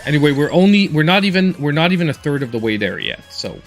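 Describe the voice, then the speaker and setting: A man's voice: fairly high pitch, very animated, quick pace, gravelly, soft background music. A man in his forties chatting casually and in a reserved way while he live-streams a game as host. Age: 40s.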